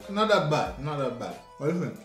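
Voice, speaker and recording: A man's voice: on the high side, very animated, brisk. A young man in casual, slangy, joking chat while filming a food challenge. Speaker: vlogger doing a food challenge. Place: small indoor room, seated at table. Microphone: camera a few feet away. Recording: echoey room, music in the background.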